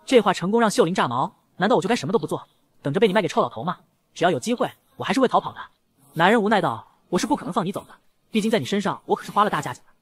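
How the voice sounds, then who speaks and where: A man's voice: high voice, slightly rough. A man narrating a comic recap at speed, reading every character's lines himself. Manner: rapid, lively, voices both lovers in dialogue. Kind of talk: fast scripted story narration with acted dialogue.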